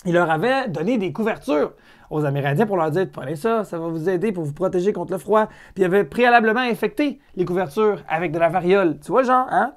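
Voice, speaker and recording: A man with a Quebec French accent hosting a comedic podcast, chatty and irreverent, swearing casually with lots of fillers and restarts. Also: high-pitched. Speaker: podcast host.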